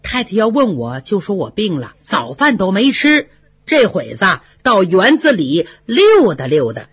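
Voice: mid-range voice, wildly swooping pitch, measured pace, slightly rough, no echo, exaggerated voice. A storyteller voicing a defiant young maidservant. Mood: worried. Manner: indignant, sharp-tongued. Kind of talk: storytelling with voiced characters. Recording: dry, slightly dull lo-fi recording.

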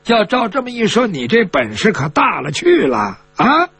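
A man's voice: high-pitched, wildly swooping pitch, normal speed, creaky, fairly bright tone, husky, no echo, exaggerated voice. A man voicing the inner thoughts of a proud, dignified male leader of heroes, restrained and indignant. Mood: sarcastic.

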